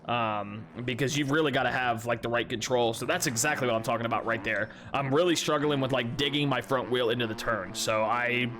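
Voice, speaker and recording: A congested young gamer sniffles his way through commentary on his own replays for YouTube, fairly quick with few pauses in a mid-range voice. He's rambling and relaxed, full of fillers, restarts, and offhand swearing.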